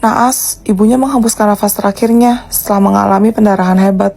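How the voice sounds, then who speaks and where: A woman's voice: mid-range voice, fairly even intonation, fast, creaky, a little mellow, slightly rough. A woman narrating a ghost story dramatically in a comic skit.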